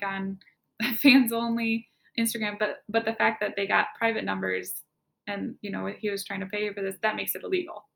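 A young woman with a gravelly, creaky edge to her voice tells her own story as a guest. She speaks candidly and slips into quoted back-and-forth dialogue as she recounts what happened. Her pitch sits in the middle range for a woman. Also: fairly bright tone. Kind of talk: personal testimony.

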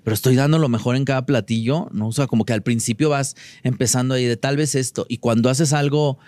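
A man chatting as a podcast guest, animated and playfully mocking as he tells his stories. His voice sits at a middle pitch, and the sound is dry and close with no room echo. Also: quick pace. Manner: animated, camp storytelling with mocking quoted voices. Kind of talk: casual chat.

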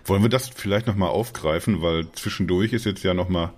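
Calling in remotely from his home in Dortmund, a man co-hosts a podcast, chatting casually and jokingly with some hesitant restarts. His voice sits low with a darkish tone, and he talks a little fast.

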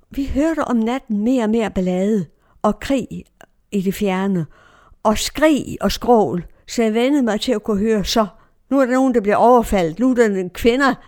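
A woman's voice: medium pitch, a little mellow. Older Danish woman telling a vivid story. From Denmark. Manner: vivid, acts out voices in quoted speech. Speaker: storyteller recounting her own life. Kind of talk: personal storytelling.

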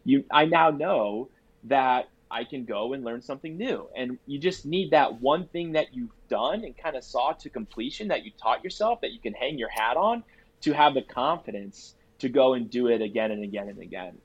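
A young man with a nasal, congested voice from a cold talks earnestly yet casually on a podcast, repeating phrases for emphasis. His medium-pitched voice is lively, moderately paced, and slightly breathy, and the recording sounds dry and a bit dull.

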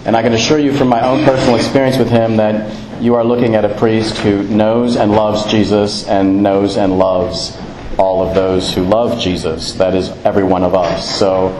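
A man's voice: on the low side, flat delivery, moderate pace. A man, a priest, giving a formal introduction of a guest speaker to an audience. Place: large reverberant indoor room. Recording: echoey room, clear background noise.

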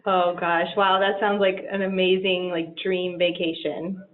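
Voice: mid-range voice, flat delivery, a little slow. A podcast host who asks friendly follow-up questions in a casual interview. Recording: tinny phone-like line.

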